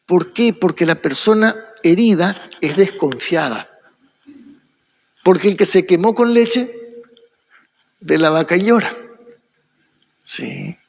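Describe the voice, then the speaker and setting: A man with an Argentine accent leads a church Bible study in a high, gravelly voice. He asks a question, answers it himself, and keeps checking in with his listeners. His voice echoes with long reverb, as if recorded in a large hall. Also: slow, long pauses. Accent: Argentine Spanish. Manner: keeps checking in with the audience by asking "¿sí?"; poses questions and then answers them himself.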